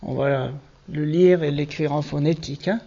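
A man's voice: fairly high pitch, moderate pace, dark tone, muffled recording. A man teaching a Hebrew reading lesson to a class, patiently spelling out letters and syllables one by one.

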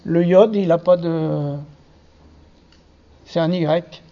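Slow, patient man teaching a class. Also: fairly high pitch, steady tone, dark tone, muffled recording. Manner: slow, patient, spells out letters one by one. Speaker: Hebrew teacher. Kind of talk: classroom lesson on reading.

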